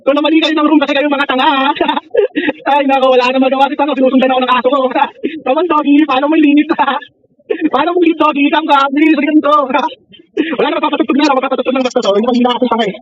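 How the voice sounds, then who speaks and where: A man with a very high, fast voice taunts rival players over game voice chat, laughing and cursing between his jabs. The mocking never lets up. The sound is a little muffled, with faint noise underneath. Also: fairly even intonation. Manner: mocking and taunting, laughing often, swearing freely. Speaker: online gamer. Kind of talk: trash-talking game voice chat.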